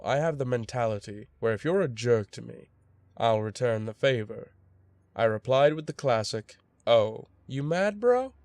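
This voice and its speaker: A man's voice: medium pitch, a little mellow, no room sound. A young man narrating a true scary story in a casual, wry storytelling voice.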